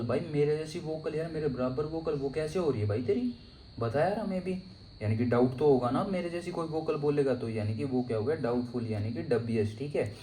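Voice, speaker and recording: A man's voice: medium pitch, warm tone, roomy sound, slight background noise, low-quality recording. A man teaching vocabulary for exams in a casual, chatty way. He keeps saying "okay" and builds jokey memory tricks for each word. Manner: chatty, repeats "theek hai" often, jokey memory tricks. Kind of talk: casual exam-prep lesson.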